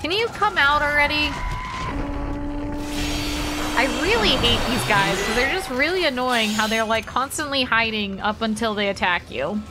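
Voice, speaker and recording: Over music, a young woman streams a game and chats playfully with her chat as she plays, giving casual commentary. Her voice is a little high, with lively intonation and normal speed.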